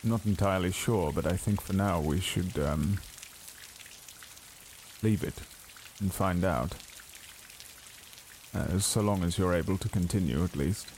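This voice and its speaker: A man playing a tabletop game in character, speaking in a formal, terse, deliberate way. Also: low voice, darkish tone, a little hiss or hum. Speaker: tabletop player. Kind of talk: in-character role-play.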